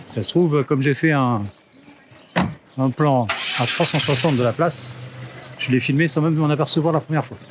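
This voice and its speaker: Man from France, travel vlogger, loose rambling delivery with fillers, handheld camera outdoors, loud street ambience. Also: a little high, moderate pace. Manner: chatty, thinks aloud with many fillers and restarts. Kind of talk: casual travel vlog narration. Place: outdoors in town streets and on a bridge. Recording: muffled with loud outdoor noise. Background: outdoor ambience and wind.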